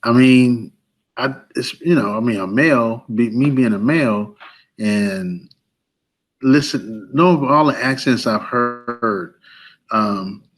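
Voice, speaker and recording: Male guest, mid-pitch, playful chat, hesitant with lots of fillers. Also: slow pace, rough recording. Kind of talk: casual podcast chat.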